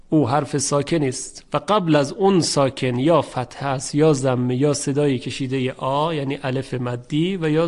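A middle-aged man teaching tajweed, explaining the rules slowly and chanting the example words drawn out. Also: a little high, a little mellow. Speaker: Quran recitation teacher. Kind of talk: tajweed lesson.

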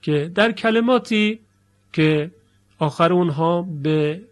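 Man teaching Quran recitation rules, slightly high voice. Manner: explanatory, recites example phrases slowly and clearly. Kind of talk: spoken lesson.

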